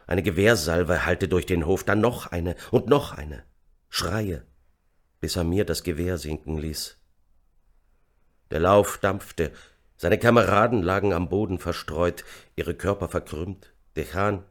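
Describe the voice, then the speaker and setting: A man narrating an audiobook in a measured, somber reading. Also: deep voice. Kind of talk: scripted narration.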